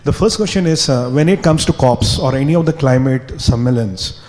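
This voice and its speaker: A man's voice: mid-range voice, moderate pace, a little mellow. A man with an Indian accent asking a question from the audience at a public event. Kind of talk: question from the floor. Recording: echoey hall.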